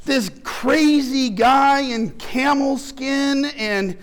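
A man's voice: very high-pitched, very slow. A male pastor delivering an impassioned sermon, building through rhetorical questions.

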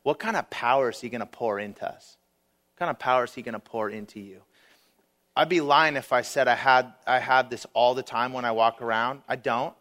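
A man's voice: medium pitch, a little fast, a bit bright. A man preaching as a guest speaker, earnest and conversational, telling stories and acting out prayers with casual fillers. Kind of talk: sermon.

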